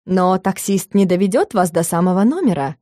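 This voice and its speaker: A pushy, self-satisfied businessman drawls his lines slowly and oilily, as a woman reading an audiobook lowers her voice a little for him. The tone is dark and mellow, and the recording is close and dry. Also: no room sound, lightly acted. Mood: smug. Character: smug, pushy, slimy male business partner.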